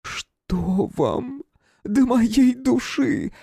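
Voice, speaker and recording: Guy putting on a hysterical noblewoman, high strained falsetto, hoarse and shrieky, very dry sound. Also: a little slow, mellow, no echo. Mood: sobbing. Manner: shrieking, sobbing, hissing. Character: vengeful hysterical noblewoman, middle-aged. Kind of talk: audiobook character voice.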